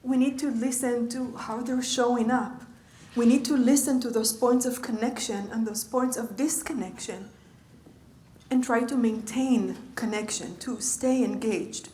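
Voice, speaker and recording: A woman's voice: fairly high pitch, fairly even intonation, measured pace, darkish tone, reverberant. A woman giving a conversational lecture as a leadership coach, often checking in with her audience. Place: lecture room.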